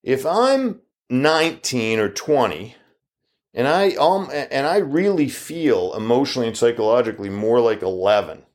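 A man in his fifties giving an argumentative opinion monologue full of rhetorical questions, his pitch jumping up as he challenges the listener. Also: lively intonation, normal speed. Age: 50s.

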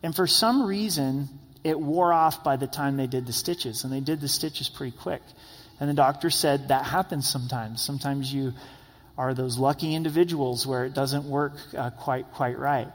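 A man's voice: medium pitch, moderate pace, long reverb tail. A male pastor giving a sermon in a conversational, storytelling way, often asking "right?" and repeating phrases for emphasis.

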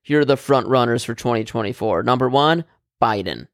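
A man's voice: medium pitch, expressive, fairly quick, no room sound, studio quality. A man co-hosting a casual political chat, blunt and opinionated, swearing freely and rambling with fillers and restarts.

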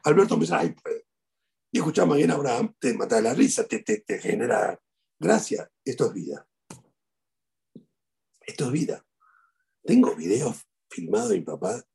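A man's voice: medium pitch, sing-song, normal speed, gravelly, long pauses, darkish tone, husky. A middle-aged man with an Argentine Spanish accent, a rabbi giving a eulogy sermon and telling stories with animation, repeating key phrases.

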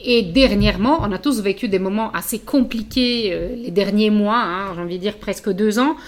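A woman's voice: medium pitch, moderate pace. A woman interviewing a colleague in a chatty way, with frequent fillers. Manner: friendly, chatty, with many fillers. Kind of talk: casual interview.

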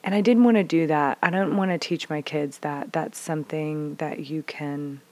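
A woman talking as a parent in a casual, reflective way, earnest and thoughtful, often pausing on "like" and "um". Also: sits low, steady tone, a little mellow. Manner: earnest, thoughtful, speaks with 'like' and 'um'. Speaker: parent sharing experience.

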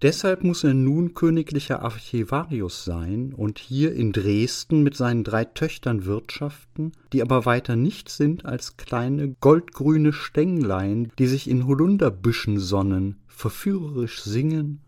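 A man reading aloud as a dreamy young male student, speaking in a raised, excited voice. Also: mid-range voice, unhurried, hardly any pauses, voice pushed up, close to an everyday voice. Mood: rapturous.

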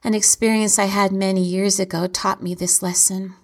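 A woman giving a calm, reflective motivational talk, often dropping into soft whispers. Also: mid-range voice, moderate pace. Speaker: self-help speaker.

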